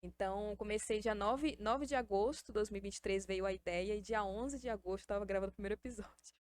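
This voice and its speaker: A woman's voice: mid-range voice, quick pace, dry recording, clean studio sound. A woman from Salvador with a Bahian accent, hosting a podcast in a chatty way and often ending sentences with a questioning tag. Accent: Bahian Brazilian Portuguese. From Salvador, Brazil. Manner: chatty and warm-hearted about her project, tags sentences with a questioning tag. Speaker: podcast host. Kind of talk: casual podcast interview.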